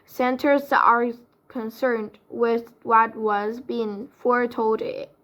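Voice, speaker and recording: A woman's voice: a little high, fairly even intonation, slow, a bit bright. Woman doing a furious male centaur. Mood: scornful. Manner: harsh, scornful. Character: angry male centaur, hostile and proud. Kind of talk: storybook reading.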